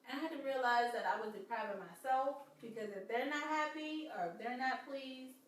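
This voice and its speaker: A woman's voice: high-pitched, a little fast, very echoey, recorded from a distance, slight background noise, rough recording. A woman co-hosting a podcast, chatting casually with wry, teasing remarks. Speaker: podcast co-host. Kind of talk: casual chat.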